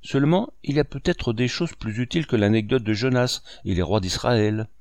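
A man reading the part of a skeptical middle-aged gentleman, mildly mocking. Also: medium pitch, normal speed, no room sound, close to an everyday voice.

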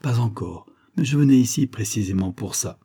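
A man's voice: mid-range voice, expressive, normal speed, dark tone, slightly rough. A man voicing a wry, teasing thirty-year-old. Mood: friendly. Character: easygoing joking man of thirty, former prankster.

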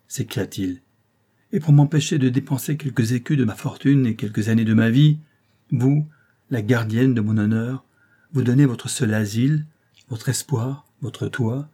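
A man's voice: medium pitch, moderate pace, warm tone, husky, lightly acted. A man voicing a passionate, desperate young nobleman in a story reading, pleading in a raised voice. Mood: fervent.

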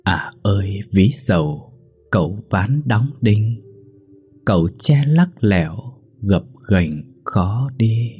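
A man's voice: fairly low pitch, expressive, dark tone, slightly rough, soft background music, heavily acted. A man chanting as a mournful ghostly lullaby singer. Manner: slow, sorrowful sing-song chant.

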